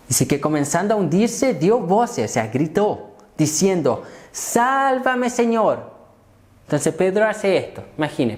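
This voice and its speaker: A man preaching a sermon as pastor, repeating phrases and asking rhetorical questions, dropping low then rising to emphatic points. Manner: swings between hushed low lines and raised emphatic ones.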